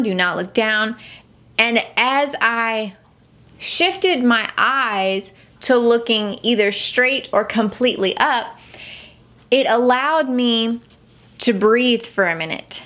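A woman's voice: a little high, fairly bright tone. A middle-aged woman hosting a devotional podcast, telling a personal story in an earnest way and animating the voices of herself and her son. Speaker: podcast host.

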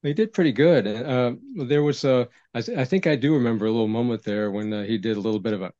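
A man chatting casually, halting and laughing between his points. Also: mid-range voice, dark tone, no room sound. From Maine, USA. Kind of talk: casual chat. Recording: dry, dull lo-fi audio.

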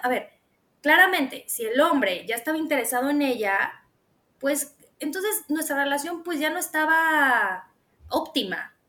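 A woman with a Mexican Spanish accent chatting casually as a podcast co-host, acting out her own quotes as she tells stories. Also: sits high. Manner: animated storyteller, acts out her own quotes. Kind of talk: casual chat.

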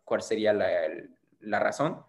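A young French man with a lowish, creaky voice speaks expressively and without hurry as a guest in a casual interview. He's a content creator who rambles and keeps hesitating and restarting.

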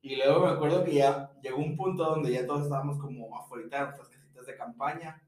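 A man's voice: a little high, fast talker, darkish tone, recorded from a distance. A young Mexican man with a Mexican Spanish accent telling a vacation story in casual, slangy chat, laughing and acting out what his friends said. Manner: slangy, laughing, acts out dialogue. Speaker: podcast co-host. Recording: echoey room, away from mic.

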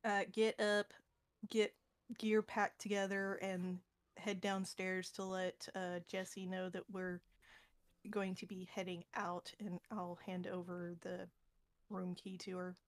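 A woman playing a tabletop game, planning aloud in a thoughtful, pausing way. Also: mid-range voice, flat delivery. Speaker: player. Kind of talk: casual tabletop role-play.

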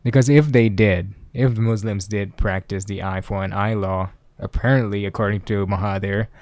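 Young male podcast host, casual solo talk, swears a lot, low-pitched voice, dry close-mic sound. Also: fairly even intonation, normal speed, darkish tone, no echo. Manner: rambling, profane, laughs often. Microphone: desk microphone, clipping.

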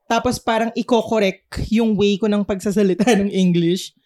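Filipino man, podcast co-host, chatty storyteller, quick to giggle. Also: sits high, fairly even intonation, a little mellow. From Philippines. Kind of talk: casual chat.

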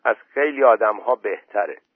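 A man's voice: lowish voice, lively intonation, slightly rough, dry recording. A man voicing a stubborn village man who refuses everyone, recorded dry through a phone-like line. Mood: defiant. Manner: defiant, stubborn. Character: stubborn young village man, fond of a dog.

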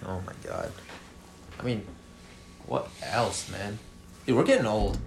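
A man's voice: fairly low pitch, lively intonation, unhurried, creaky, roomy sound, slight background noise. A man in his twenties co-hosting a podcast, joking and teasing his friend in casual chat. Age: 20s. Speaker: podcast co-host.

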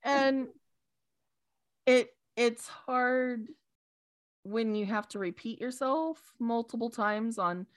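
A woman speaking as a guest in a casual interview, hesitant with many pauses and fillers. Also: on the high side.

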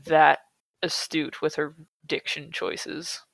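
A woman's voice: low-pitched, steady tone, slow, creaky, no room sound. A woman hosting a casual talk show who reads a novel aloud and rants about it with sarcasm and heavy swearing. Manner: profane, sarcastic, ranting. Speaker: podcast host reading a novel aloud. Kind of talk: casual chat and dramatic reading.

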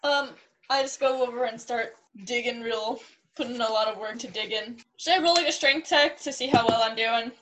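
Female tabletop player, fairly high voice, casual halting descriptions, slight noise and clicks. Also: a bit bright. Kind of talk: casual game chat. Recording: noisy tabletop recording with clicks.

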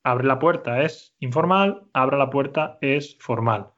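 A man teaching a Spanish lesson, speaking slowly and clearly and repeating his student's answers. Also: medium pitch, fairly bright tone, lo-fi sound. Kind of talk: conversational language lesson.

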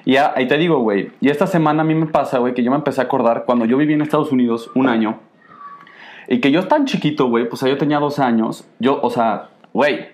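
Young Mexican-accented man, quick and slangy, telling stories among friends. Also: mid-range voice, darkish tone. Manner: fast, slangy storytelling, laughs often. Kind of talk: casual chat.

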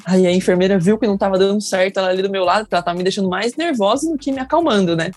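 A woman's voice: mid-range voice, very fast, darkish tone, soft background music. A young woman with a Brazilian Portuguese accent telling her birth story in casual talk, emotional and acting out the people she quotes. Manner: emotional, acts out quoted people in raised voices.

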